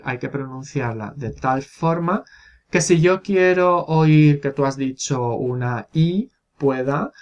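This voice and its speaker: Man, phonetics instructor, video lesson, unhurried, explanatory, demonstrates sounds aloud. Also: medium pitch, darkish tone. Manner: explanatory, demonstrates sounds, checks in often with tag questions.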